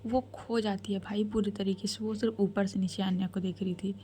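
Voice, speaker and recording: Woman storyteller, whispered storytelling, chatty, mellow soft tone. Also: mid-range voice, flat delivery, normal speed, slight background noise. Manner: chatty, addresses listeners as bhai.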